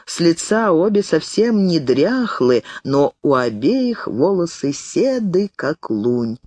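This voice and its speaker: A woman reading an audiobook in a measured, deliberate manner. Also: sits low, sing-song, warm tone, dry recording. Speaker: audiobook reader. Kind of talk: audiobook narration.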